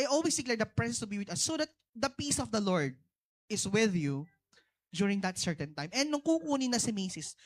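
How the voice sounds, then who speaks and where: Filipino pastor guy preaching, mixes languages, keeps going "no? di ba?", short bursty lines, gets loud then quiet. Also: high voice. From Philippines. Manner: switches between Tagalog and English, asks the congregation "no?" and "di ba?"; talks in short bursts with big swings in loudness. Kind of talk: sermon testimony.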